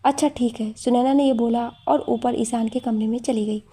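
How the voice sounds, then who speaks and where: A woman narrating an emotional audio story in a steady, scripted storytelling style. Her voice sits slightly high and sounds mellow and soft. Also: normal speed, breathy edge.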